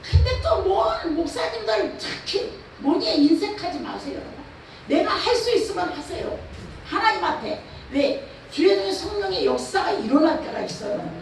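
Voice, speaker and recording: A woman's voice: extremely high pitch, big pitch swings, normal speed. A woman pastor from Chungcheong with a Chungcheong Korean accent, preaching a revival sermon with emphatic rhetorical questions. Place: church or prayer house hall. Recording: echoey hall, far from the mic, faint noise.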